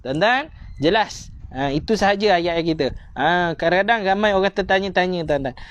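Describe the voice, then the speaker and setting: A man's voice: sits high, fairly bright tone, muffled recording. A man with a Malaysian accent teaching a tajwid lesson online, repeating points and coaxing listeners to recite after him. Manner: repetitive, coaxing teacher, slows to drawn-out recitation.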